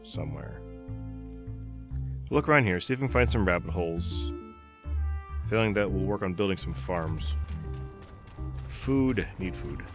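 This is laid-back game commentary from a man whose low voice is animated but measured, with frequent pauses. He's a little stuffed up from a cold and mutters to himself as he goes, while loud music plays behind him.

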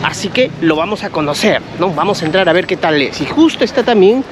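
A man's voice: sits high, lively intonation, brisk. A middle-aged man narrating a walking travel vlog, chatty and upbeat, talking to his viewers while holding the camera at arm's length. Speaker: travel vlogger. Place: outdoors by a street, then inside a large mall. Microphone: action camera held at arm's length. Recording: loud street and crowd noise. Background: traffic and crowd ambience.

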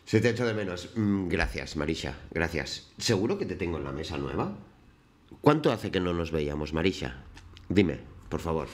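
Brief: male streamer, lowish voice, relaxed and chatty with his viewers. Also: normal speed. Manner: chatty, greets viewers by name. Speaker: live-stream host. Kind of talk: casual chat while painting on stream.

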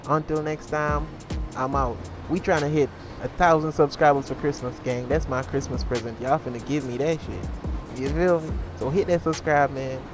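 His voice is a little high with a steady tone and normal speed as this gaming YouTuber plays a crime role-play series over music. The talk is laid-back and full of slang, and he calls the viewers gang.

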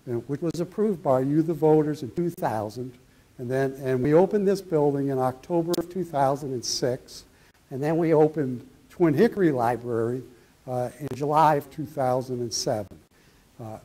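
A man's voice: medium pitch, dark tone. A middle-aged man presenting a library project at a town hall meeting, explaining plans and answering audience questions on a handheld mic in a meeting room. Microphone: handheld microphone.

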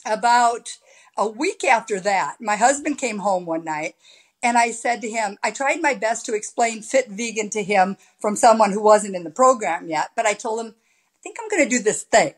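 This woman in her sixties speaks in a slightly high voice and tells her story with lots of animation, gesturing as she talks. She is a podcast guest on a video call, recorded through a laptop webcam in a high-ceilinged room at home. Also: animated, moderate pace. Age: 60s. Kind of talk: casual interview chat.

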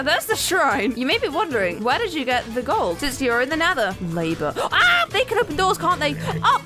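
A young woman giving excitable, giggly commentary while playing a game, squealing at surprises. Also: sits high. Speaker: gaming YouTuber. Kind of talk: Minecraft let's play commentary. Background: game music.

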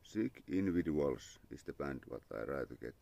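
Here a young man from Finland speaks in a dark, gravelly bass, animated and at a normal pace. On a live stream in his outdoor yard under a parasol, he casually chats with a Finnish accent, thanking followers and muttering to himself. The audio comes from a phone camera at arm's length.

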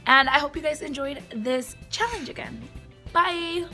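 A woman's voice: high-pitched, unhurried, bright, forceful tone, faint music behind. A young woman vlogger chatting casually and animatedly to the camera as host. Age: young adult. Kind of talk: casual vlog chat to camera.

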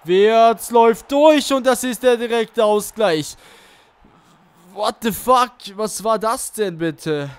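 A man with a high, clean voice commentates his football video game. He erupts in frustrated rage, shouting and cursing at the play like a gamer who has had enough. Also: slow, clear, resonant tone. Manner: raging outbursts, frustrated shouting and swearing. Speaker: gaming YouTuber playing and commentating his career mode.

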